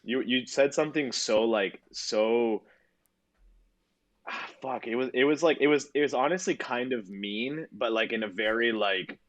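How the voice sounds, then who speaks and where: On a casual podcast, a co-host in his 20s spins a lengthy, wandering story full of swear words and filler. His voice is mid-range, a little slow, and fairly bright.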